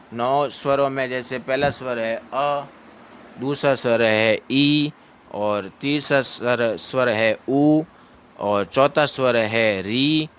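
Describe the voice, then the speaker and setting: A man teaching Sanskrit verse pronunciation, stretching each syllable out slowly between brisk explanations. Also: medium pitch, fairly bright tone, smooth. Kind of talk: patient pronunciation lesson.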